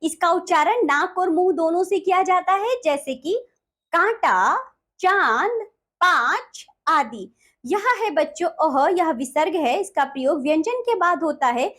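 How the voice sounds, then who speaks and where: A woman with a high, lively voice teaches a grammar lesson to young children. She addresses them directly, asking and answering her own questions. She reads out letters one by one in a slow, sing-song drill.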